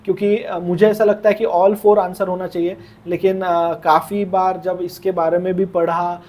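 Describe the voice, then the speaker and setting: A man's voice: high-pitched, flat delivery, measured pace, a little mellow. A man explaining exam answers as a coach, hesitant and thinking aloud with many fillers, mixing Hindi and English.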